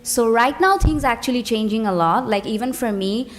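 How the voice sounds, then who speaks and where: A woman's voice: on the high side, animated, moderate pace. A woman from Bangladesh, an actor speaking fluently and with emphasis on a festival panel. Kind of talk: panel discussion.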